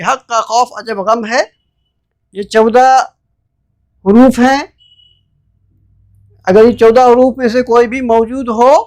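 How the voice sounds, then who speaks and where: A man teaching an online grammar class over a video call. He talks patiently and repeats each letter and word for his students. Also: very high voice.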